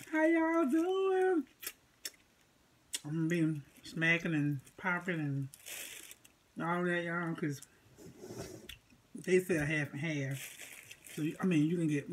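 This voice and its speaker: A woman's voice: deep voice, slight background noise, rough recording. A woman from Florida chatting animatedly to camera as she eats in a casual food vlog, full of exclamations. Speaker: food vlogger. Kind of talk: casual mukbang chat to camera.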